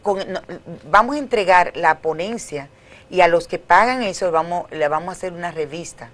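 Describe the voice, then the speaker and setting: A woman's voice: lowish voice, moderate pace. A middle-aged woman with a Dominican Caribbean Spanish accent, explaining things as an academic guest in a conversational interview.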